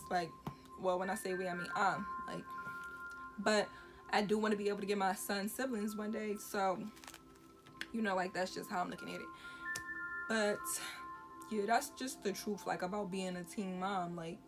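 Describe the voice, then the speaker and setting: A woman's voice: mid-range voice, fairly even intonation, moderate pace, long pauses. A woman, talking frankly to camera with lots of "you know, like". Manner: casual, frank, many fillers like "you know, like". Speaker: vlogger. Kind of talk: candid talk to camera. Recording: music playing under the voice.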